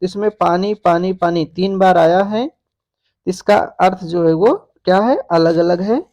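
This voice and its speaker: A man's voice: high voice, darkish tone. A man teaching a grammar lesson for exam preparation, who poses questions to his students and then answers them himself. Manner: slow, deliberate, asks and answers own questions. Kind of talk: exam-prep grammar lecture.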